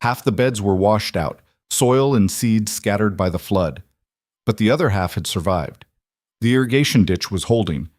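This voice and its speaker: A man with a low voice reads a frontier romance in measured, steady scripted narration. The sound is dry and close, with no room echo at all. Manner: measured, even storytelling.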